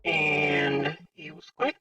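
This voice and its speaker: A man's voice: a little high, little pitch movement, extremely slow, pushed and bright, distant mic, faint music behind, voice pushed up, exaggerated voice. A man live-streaming in VR, talking through a synth robot voice changer, chatting casually with viewers while juggling his setup.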